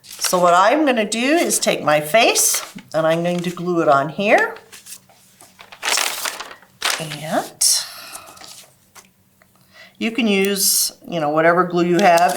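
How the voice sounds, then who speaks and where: Against a noisy background, a woman with a mid-range voice leads a library program for children. Her talk covers storytime and a craft lesson, walking the kids through things in simple, step-by-step terms.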